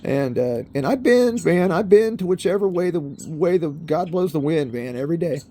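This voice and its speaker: This fifties-aged man vlogs from inside a car, talking at normal speed in an animated, mellow voice that leans high. His loose, rambling monologue is full of swearing, and he keeps calling the audience "bro" and "people."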